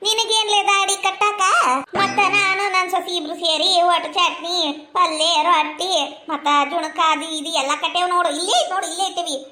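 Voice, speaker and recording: A woman's voice: very high voice, steady tone, fairly quick, bright, forceful tone, faint music behind. A middle-aged woman with a North Karnataka accent, chatting and scolding in a homely way as a housewife in a comedy sketch. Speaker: village housewife in a comedy skit.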